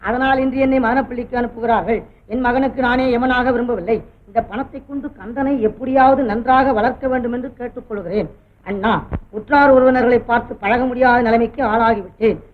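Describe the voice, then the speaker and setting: Ailing young mother played by a woman, measured formal delivery, 1960s film, tinny soundtrack. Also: a little high, fairly even intonation, natural voice. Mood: sorrowful. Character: gentle ailing young mother writing a farewell letter.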